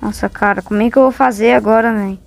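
A woman's voice: a little high, steady tone, quick pace, vocal fry. A woman with a Brazilian accent giving casual, exclamatory, complaining commentary as a gamer playing along.

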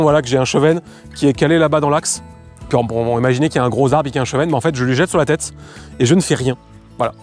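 A young man explains fishing lures outdoors in a quick, easygoing stream of talk. His pitch sits in a middle range, with plenty of fillers and restarts. Faint music plays beneath his voice. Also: darkish tone. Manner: fast, loose explanations with many fillers. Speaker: fishing lure presenter. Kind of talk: casual product demo. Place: outdoors by the water.

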